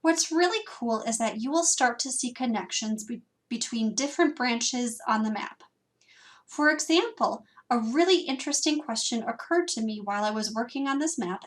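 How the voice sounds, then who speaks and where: Reading from a script, a young Wisconsin librarian with a fairly high-pitched voice guides listeners through a lesson. Her delivery is lively and full of questions, with some light self-teasing.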